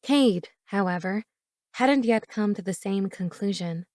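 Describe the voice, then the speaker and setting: A woman giving first-person romance audiobook narration in an even, measured way. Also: medium pitch, no room sound, studio quality.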